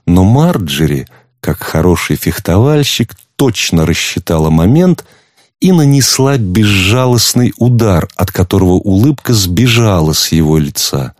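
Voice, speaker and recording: A man narrating an audiobook in a measured, literary way. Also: sits low, sing-song, a little mellow, no room sound, clean studio sound. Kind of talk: audiobook reading.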